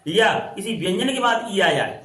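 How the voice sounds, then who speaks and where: A man's voice: high-pitched, expressive, fairly bright tone. A man teaching English pronunciation in a classroom style, repeating and drawing out words as he explains. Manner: repetitive, drawn-out spelling out of words. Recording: echoey room from far off.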